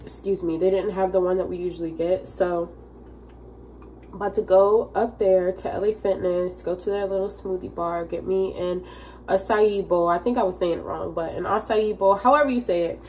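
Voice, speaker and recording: A woman's voice: fairly low pitch, steady tone, normal speed, darkish tone. A young woman talks casually to her phone camera, loose and friendly, as if chatting with friends. She sounds a little stuffed up from sneezing, and a faint background noise sits under her voice. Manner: chatty, loose and friendly, talking straight to viewers. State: congested from sneezing. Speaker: vlogger. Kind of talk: casual vlog chat to camera.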